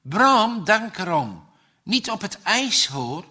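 A man voicing a caring mother who warns her son, in a husky, raised and pleading tone. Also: sits high, big pitch swings, slow pace, pushed and bright, pitched above the performer's own voice, exaggerated voice. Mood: warning.

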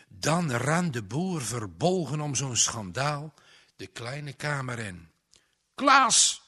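A man reading a rural drama aloud in a solemn, expressive way. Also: mid-range voice, gravelly, slightly rough. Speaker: narrator.

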